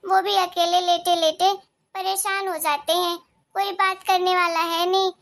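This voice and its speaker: Figure: a woman doing a gentle worried mother, high voice. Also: level tone, a little slow, exaggerated voice. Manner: soft, reassuring, explaining.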